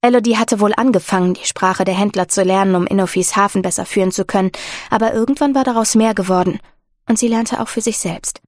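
A woman giving steady, scripted narration of a fantasy audiobook. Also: medium pitch, quick pace, no room sound, studio quality.

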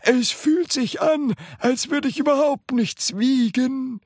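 A storybook reader voicing a delighted, excitable old grandfather who exclaims in a high, strained voice. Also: a little slow, breathy edge, dry recording, studio quality, heavily acted. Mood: gleeful. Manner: exclaiming, gleeful.

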